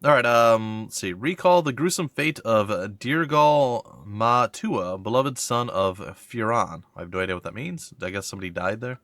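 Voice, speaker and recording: Here a let's-play host with a stuffy nose from a cold gives casual commentary, reading tutorial text and reacting to it with gentle confusion as he thinks aloud. The voice is on the low side with lively intonation, a moderate pace, and hardly any pauses. It sounds fairly bright in a dry recording.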